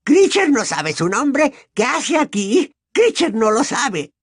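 A man's voice: very high-pitched, sing-song, takes it slowly, breathy edge, no room sound, clean studio sound, pitched above the performer's own voice, full character voice. A man voicing a bitter, servile old male house-elf who mutters spitefully under his breath in an audiobook. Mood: muttering, spiteful. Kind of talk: audiobook character voice.

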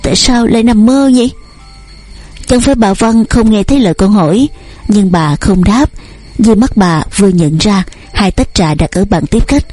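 Woman narrator, storybook reading, soft breathy voice over faint music. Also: medium pitch. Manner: steady, measured storytelling. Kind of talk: audiobook narration.

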